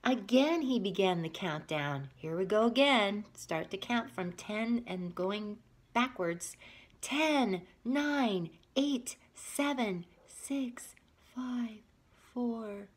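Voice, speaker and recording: With a mid-range, breathy-edged voice, a woman teacher brings a children's picture book to life as she reads. She pauses periodically to step out of the story and ask her young audience questions.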